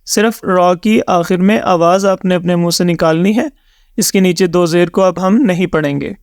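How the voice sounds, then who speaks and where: A male Quran reading teacher walks learners through each word letter by letter, drawing the syllables out slowly. His voice sits high and smooth, with a resonant clarity. The recording is close and dry. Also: no echo. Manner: spells words letter by letter, drawn-out syllables, mixes English words. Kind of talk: slow step-by-step recitation lesson.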